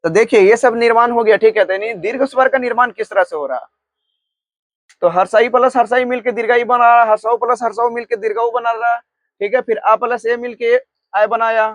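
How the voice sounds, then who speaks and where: A man from Bihar teaching a grammar lesson. He keeps checking in with "ठीक है" and dictates notes slowly, one word at a time. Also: very high voice, fairly even intonation, fairly bright tone, no room sound. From Bihar, India.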